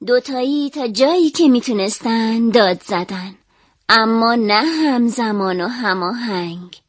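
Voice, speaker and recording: A woman calmly and expressively reading a children's story aloud. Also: a little high, no room sound, studio quality.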